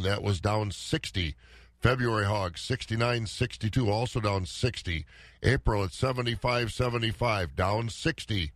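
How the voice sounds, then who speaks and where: A man's voice: fairly low pitch, dry recording. A man, a morning radio host reading weather and market prices in conversational, clipped phrases.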